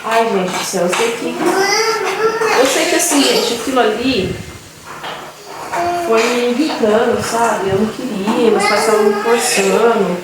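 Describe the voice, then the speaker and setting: A fairly high-voiced woman chats to her viewers as she tells her story. She sits well back from the mic in a very echoey room. Dishes and pans clatter loudly behind her. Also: unhurried, far from the mic, very noisy. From Brazil. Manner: chatty, keeps addressing viewers as "gente". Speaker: vlogger. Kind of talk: casual personal storytelling.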